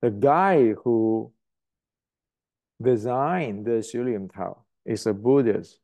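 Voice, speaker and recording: An older Indonesian man speaks slowly in a mid-range voice, recorded with phone-quality sound. He delivers a blunt, emphatic martial arts lecture to the camera, repeating words while he searches for the right ones.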